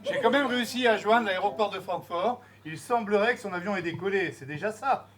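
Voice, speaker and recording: A man's voice: high voice, fairly quick, a bit bright. A man playing a polite, flustered assistant. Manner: apologetic, polite. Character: polite, flustered assistant reporting on the phone calls.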